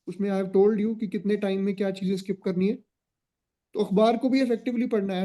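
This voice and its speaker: A man's voice: high-pitched, warm tone. A man teaching an online exam-prep class, mixing Hindi and English with an Indian English accent, firm and exhorting, often checking in with his students. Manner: firm, strict and exhorting, with frequent "ठीक है?" check-ins.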